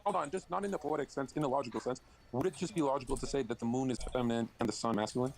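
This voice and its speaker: A man's voice: mid-range voice, rapid-fire, vocal fry, darkish tone, low-quality recording. Provocative joking man in a stream debate. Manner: provocative, joking, interrupts with hold on. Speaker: stream guest. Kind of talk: casual online debate.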